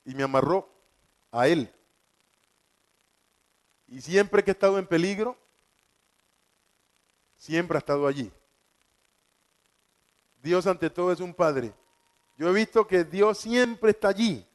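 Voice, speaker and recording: A man's voice: sits high, lively intonation, takes it slowly, long pauses. A man giving a fervent evangelical testimony, repeating key words for emphasis. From Colombia.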